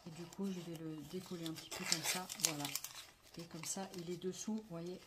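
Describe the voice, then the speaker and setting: A woman's voice: fairly low pitch, steady tone, brisk. A French woman casually showing craft supplies on a table, talking through each step with many fillers. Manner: chatty, many fillers and "voilà", narrating her hands. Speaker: crafts vlogger. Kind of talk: casual show-and-tell unboxing. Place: indoors at a table, not her home. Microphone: phone camera. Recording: loud crinkling and clicking noise.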